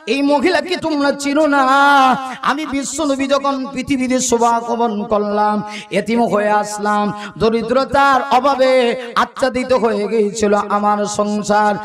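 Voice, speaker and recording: A man with a strikingly high voice delivers a dramatic waz sermon. He swings from shouting to quiet asides and mimics regional speech for his listeners. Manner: acts out regional dialects for the crowd. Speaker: preacher.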